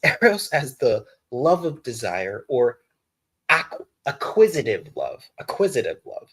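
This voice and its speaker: A young man reads a dense philosophy passage aloud on a casual live stream. His voice is husky and mid-pitched. He stumbles, backs up to redo phrases, and breaks off now and then for offhand slangy remarks. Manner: stumbling read-aloud with restarts and slangy asides.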